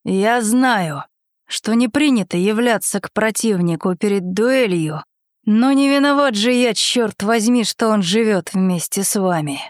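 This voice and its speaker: A woman reading aloud, voicing a stern young nobleman who speaks gravely and formally about his duel. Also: medium pitch, animated, unhurried, no echo, clean studio sound, voice pushed down, natural voice.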